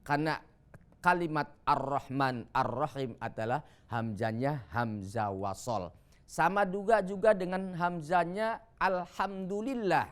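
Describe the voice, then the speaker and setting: Male Quran teacher on TV, smooth clear voice, patient explainer. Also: fairly high pitch, animated. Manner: explains patiently, chants Arabic verses slowly. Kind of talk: televised Quran reading lesson. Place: TV studio.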